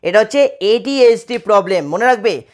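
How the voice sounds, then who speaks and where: A man's voice: high voice, lively intonation, moderate pace. A man from West Bengal teaching an exam-prep lesson, repeating key points and checking in with his students. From West Bengal, India. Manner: repetitive, asks students check-in questions.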